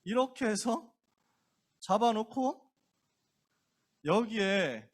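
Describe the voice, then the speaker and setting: Male pastor telling a bible story to teens, super casual, acts out every character, voice high and all over the place. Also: animated, extremely slow. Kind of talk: youth sermon, casual storytelling.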